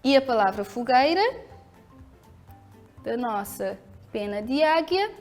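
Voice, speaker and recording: A woman teacher with a European Portuguese accent, her voice high and rising and falling a lot. She talks to pupils clearly and patiently, asking questions and answering them herself. Soft music plays faintly behind her. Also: expressive, takes it slowly. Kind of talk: televised school lesson.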